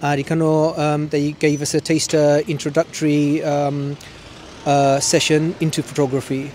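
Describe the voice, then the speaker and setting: A man in his forties with an East London accent touched by Sylheti Bengali speaks haltingly in an interview, full of fillers, and mixes his languages freely. His voice sits a little high for a man. A faint hiss of background noise runs under him. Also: level tone, a little mellow. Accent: East London English with Sylheti Bengali. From Bangladesh. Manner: hesitant, many ums, switches between English and Sylheti. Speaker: photographer. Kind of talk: news interview.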